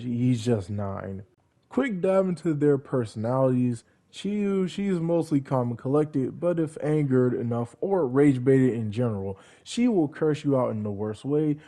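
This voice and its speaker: Young guy rambling through a fan backstory, mellow tone, jokey asides. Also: medium pitch. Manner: rambling, self-correcting, joking asides. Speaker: fan content creator. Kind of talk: casual narration of fan backstory.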